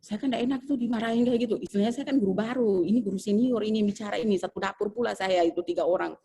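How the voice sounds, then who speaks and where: A woman teacher tells a story from her own life. She talks in a chatty, animated way and fills pauses with little hesitations. Her voice is mellow, soft at the edges and slightly husky. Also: mid-range voice. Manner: animated, chatty, full of fillers. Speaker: civil service trainee. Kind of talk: personal storytelling in a training session.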